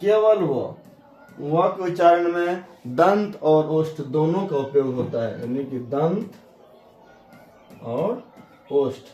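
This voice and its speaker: Slow, deliberate male teacher in an echoey room. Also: fairly high pitch, animated, a little mellow, highs cut off. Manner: slow, deliberate, sounding out letters one by one. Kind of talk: classroom grammar lesson. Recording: echoey room with faint ambient noise.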